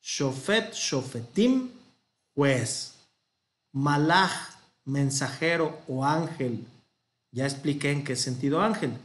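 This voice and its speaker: Slow, patient Mexican teacher in echoey room. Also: male voice, a little high, lively intonation. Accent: Mexican Spanish. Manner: patient, thinks aloud, corrects himself mid-sentence. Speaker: Hebrew teacher. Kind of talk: slow classroom explanation.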